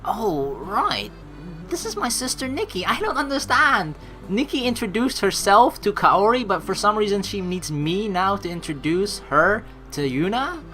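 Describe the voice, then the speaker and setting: A woman hosts a let's play, reading the story narration aloud and reacting with animated, excitable commentary. Her voice is medium-pitched at normal speed, with faint music behind her.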